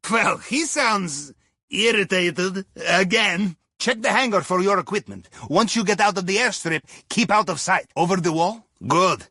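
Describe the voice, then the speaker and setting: Leading a crew through a video game heist via comms, a Russian-accented captain is jovial, wry, and instructive. He speaks unhurriedly in a heavily acted voice that is pushed, bright, slightly rough, and high for a man, swinging widely in pitch with lively intonation. Playful and theatrical, he drops articles and ends sentences with a questioning "yes?" or "huh?", all captured in a dry, close recording.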